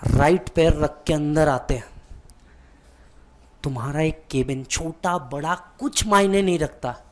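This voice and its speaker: A man's voice: a little high, a little slow, slight background noise. A man who teaches exam students, telling a vivid motivational story and speaking directly to the listener.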